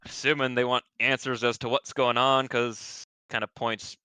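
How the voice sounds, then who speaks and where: A man's voice: medium pitch, level tone, moderate pace, bright, forceful tone, clean tone, no echo. A man narrating a tabletop role-playing game as dungeon master in a casual, laughing, cursing manner. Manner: casual, laughing, swears freely.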